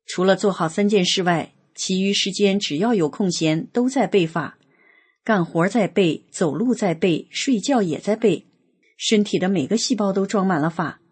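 A woman reading a spiritual testimony aloud in a measured, earnest way, slowing down on lists. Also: mid-range voice, darkish tone, slightly rough. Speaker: reader of a personal testimony.

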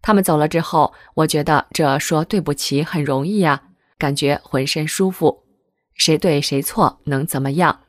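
A woman reading a first-person article aloud in a steady, measured way. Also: sits low, no room sound, studio quality. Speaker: article reader. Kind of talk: scripted reading of a testimonial article.

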